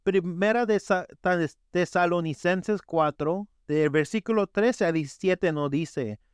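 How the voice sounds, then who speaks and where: A man delivers a sermon with earnest storytelling. His voice sits high and sounds smooth and resonant. The recording is dry and close, with no room sound. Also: slow pace, no echo. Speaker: preacher.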